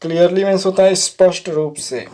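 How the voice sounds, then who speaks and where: A man's voice: sits high, fairly even intonation, fairly quick, mellow. Patient man spelling out English words. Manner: repeats "theek hai" often. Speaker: teacher. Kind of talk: vocabulary lesson.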